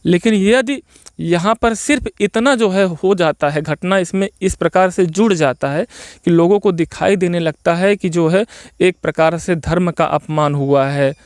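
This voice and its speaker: A man giving spoken opinion commentary as a video host, arguing his case point by point and pausing often on repeated filler phrases. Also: high voice, clear, resonant tone, no room sound, clean studio sound. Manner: argumentative, explains point by point.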